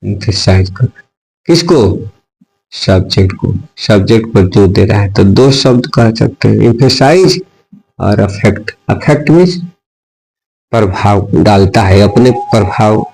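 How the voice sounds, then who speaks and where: A man's voice: mid-range voice, darkish tone, poor audio. A male teacher giving a grammar lesson, who keeps asking and answering his own questions and slips between example sentences and explanation.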